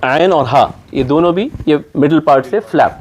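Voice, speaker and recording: Patient male recitation teacher, slightly high. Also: a little mellow, slightly rough. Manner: patient, repeats sounds to demonstrate. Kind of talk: classroom teaching on pronunciation. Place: classroom.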